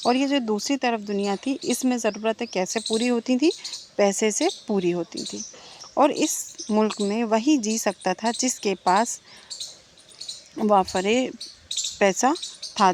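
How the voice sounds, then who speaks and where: A woman teacher giving an exam-prep lecture, asking questions and answering them herself, repeating the key points. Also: fairly high pitch. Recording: noisy background with birdsong. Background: birds and insects chirping.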